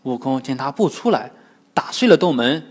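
A man narrating a classic tale for children in an expressive storytelling manner. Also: medium pitch, moderate pace, slightly rough. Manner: lively, expressive. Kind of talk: scripted narration.

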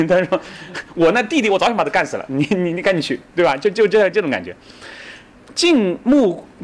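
A middle-aged man giving a lively storytelling lecture on ancient history, acting out quoted speech and often asking the audience to agree. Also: on the high side, husky. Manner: animated, acts out quoted speech, many fillers like "对吧".

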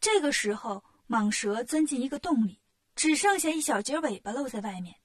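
High, husky woman reading a storybook. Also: normal speed. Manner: lively, expressive narration.

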